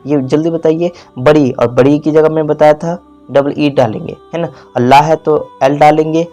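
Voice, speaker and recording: A man's voice: a little high, fairly even intonation, moderate pace, warm tone, lo-fi sound, faint music behind. A man giving a spelling lesson, repeating words and quizzing the viewer, stretching out vowels. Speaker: teacher. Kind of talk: classroom-style spelling lesson.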